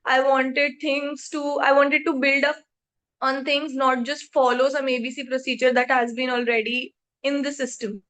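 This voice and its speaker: Young woman, Indian accent, high voice, articulate, self-assured, podcast guest answering questions. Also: little pitch movement, moderate pace, a bit bright, slight background noise. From Jaipur, India. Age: 20s. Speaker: podcast guest, accountancy trainee. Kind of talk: interview answers about career.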